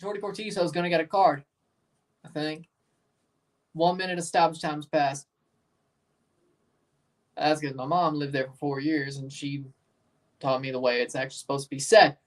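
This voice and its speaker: A man's voice: a little high, level tone, moderate pace, long pauses. American guy chatting casually, off the mic. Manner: rambling, informal, replying to viewers in short bursts. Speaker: livestream watchalong host. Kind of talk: casual livestream chat with match commentary. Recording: voice some distance from the mic.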